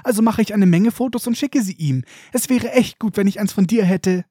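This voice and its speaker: A man voicing an eager, breathless small schoolboy fan with a piping high voice. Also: fairly quick, dark tone, husky, no echo, studio quality.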